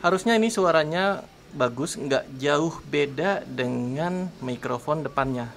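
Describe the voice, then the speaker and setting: Outdoors, an Indonesian-accented man demos a camera-top mic for his tech vlog, chatting to camera and testing it aloud while turning it front and back. He speaks unhurriedly and expressively in a fairly bright voice on the high side, with slight background noise.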